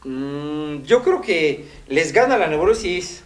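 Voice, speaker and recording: On a casual radio talk show, a co-host with a Mexican Spanish accent talks slowly in a slightly high, sing-song voice. He speaks candidly and bluntly about himself and laughs often.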